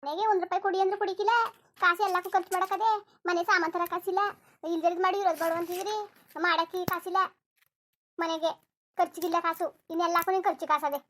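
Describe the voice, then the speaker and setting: A very high, piercing voice of a resentful village wife, as a woman acts her out. She rattles off her complaints at a breakneck clip. It is a cartoon quarrel voice, sharp-tongued and aggrieved. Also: steady tone. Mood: resentful scolding. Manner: scolding, resentful, rapid. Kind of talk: cartoon voice acting.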